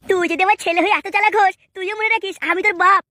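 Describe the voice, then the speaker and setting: A woman's voice: extremely high pitch, fairly even intonation, rapid-fire, bright, forceful tone, no room sound, studio quality, pitched below the performer's own voice. A woman voicing a vain, jealous grown man who grumbles about his son in a comic cartoon dub. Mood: grumbling. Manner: grumbling, vengeful muttering.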